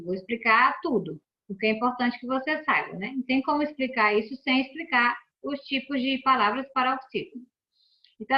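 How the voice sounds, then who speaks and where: A woman teacher giving a recorded remote lesson, explaining patiently and checking in with her students often. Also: fairly high pitch. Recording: dull lo-fi sound.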